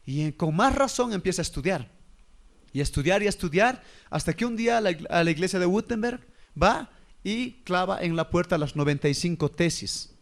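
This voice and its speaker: A man's voice: sits high, expressive, a little fast, creaky. A man, preaching a sermon and firing rhetorical questions at his listeners. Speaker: pastor.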